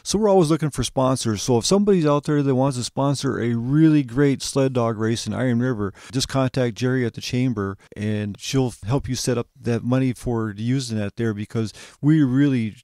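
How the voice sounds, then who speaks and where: A man's voice: medium pitch, normal speed, hardly any pauses, warm tone, dry recording, studio quality. A middle-aged man, a golf course owner, talking in a rambling, folksy way with lots of restarts in a casual interview.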